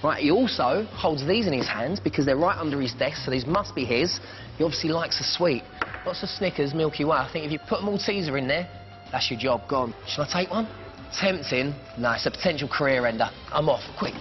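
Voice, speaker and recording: A male TV reporter talks quickly with playful, bantering energy. The sound is slightly dull, with music clearly playing behind him. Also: a little high, animated. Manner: playful, teasing. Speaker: TV reporter and interviewer. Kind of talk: light, bantering television interview and location report.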